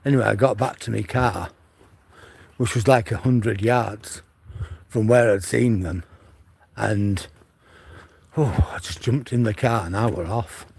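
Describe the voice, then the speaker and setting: A lowish, creaky voice with a darkish, slightly rough tone comes from a retired older man from Manchester, England, at a measured pace with long pauses and no room sound. He's livestreaming while walking his dog along a seaside promenade, filming on a gimbal-held phone, and his storytelling rambles with many fresh starts.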